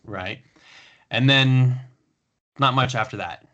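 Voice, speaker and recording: A man hosting a casual podcast chat, relaxed, talking in long runs with fillers. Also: mid-range voice, slow pace, muffled recording. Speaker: podcast host.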